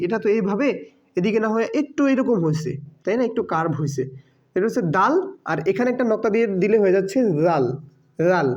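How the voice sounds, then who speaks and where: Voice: mid-range voice, darkish tone. Patient teacher. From Bangladesh. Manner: patient, drills by repetition and quiz questions. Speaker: Quran teacher. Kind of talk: step-by-step lesson. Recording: dull lo-fi recording.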